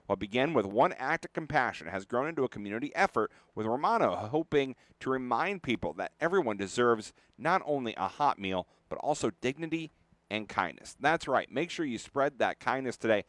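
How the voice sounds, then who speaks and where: Bright, animated American male radio presenter. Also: medium pitch, brisk, no echo. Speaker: radio host and ad reader. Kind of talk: radio presenter talk and ad read. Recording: faint music bed behind.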